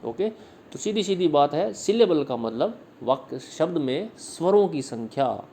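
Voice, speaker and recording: A male English literature teacher giving a slide-based video lesson, patiently repeating words slowly and explaining each slide line. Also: a little high, sing-song, warm tone, a little hiss or hum.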